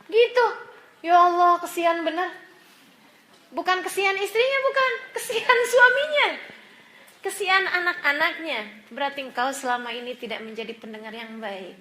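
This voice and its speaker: A woman's voice: sits high, bright, forceful tone. A woman religious teacher giving a sermon to women, telling stories, acting out the people in them and laughing often. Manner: storytelling, acts out quoted voices, laughs often.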